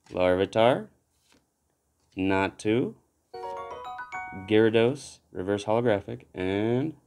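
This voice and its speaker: A man giving casual commentary while opening trading card packs, relaxed but breaking into excited exclamations at good pulls. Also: on the low side. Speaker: card pack opener.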